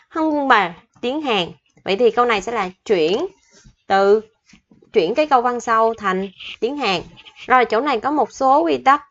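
A woman teaching Korean vocabulary, patiently slowing down to spell out the grammar and pronunciation rules. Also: on the high side, a bit bright, lo-fi sound. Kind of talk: explaining vocabulary lesson.

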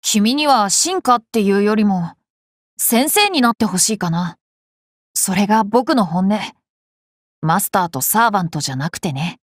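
This is studio-quality audio with no echo of a woman performing lines for a Japanese anime game. She plays a cheerful, curious boy king, boyish and polite yet playfully self-assured, in a thoughtful, candid mood. Her mid-range voice stays near her everyday one, with lively intonation and a moderate pace.

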